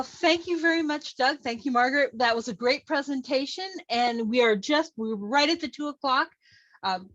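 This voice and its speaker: A woman's voice: high-pitched, fairly bright tone, dry recording. A woman hosting an online meeting over a video call, friendly and chatty with light jokes. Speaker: meeting host. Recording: dull, dry video call audio.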